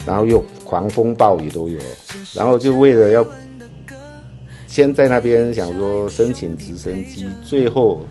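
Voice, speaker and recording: A middle-aged or older man, a volunteer firefighter appearing as an interview guest, chats casually in a Taiwanese Mandarin accent. His voice is lowish and dark, expressive and unhurried, and his manner offhand and blunt. Music plays behind the conversation.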